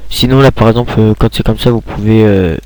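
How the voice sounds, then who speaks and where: A man's voice: lowish voice, fast, a little mellow, no echo. A young man giving a casual screen tutorial, rambling with many hesitations and restarts, talking into a computer mic at home.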